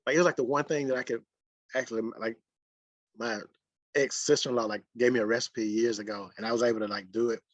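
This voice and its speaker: A man's voice: mid-range voice, steady tone, quick pace. A man with a Mississippi accent and a country drawl, chatting casually as a guest. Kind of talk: casual chat. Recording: muffled, dry lo-fi sound.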